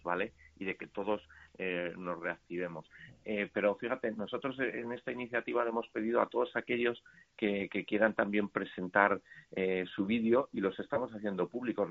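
A deep-voiced man calls into a radio show and talks about his startup event. He hesitates a lot, with fillers and restarts. The line is thin and tinny, like a phone.

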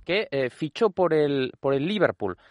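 A man's voice: on the high side, animated, a little slow, a little mellow, dry recording, studio quality. A middle-aged man telling football stories on a radio show, explaining at length with many fillers and repetitions. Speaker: regular football storyteller guest. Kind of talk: conversational storytelling on radio.

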